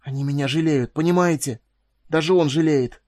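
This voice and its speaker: A man reading an audiobook, voicing an ashamed young soldier who speaks hoarsely and haltingly, then in a fierce whisper. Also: medium pitch, fairly even intonation, darkish tone, lightly acted. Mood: bitter.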